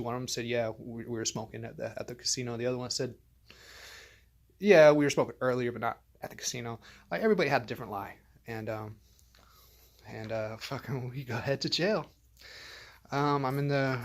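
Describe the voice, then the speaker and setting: Man vlogger, mid-pitched, casual rambling storyteller, swears a lot, stumbles and restarts. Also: a bit bright. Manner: rambling and profane, many fillers and restarts.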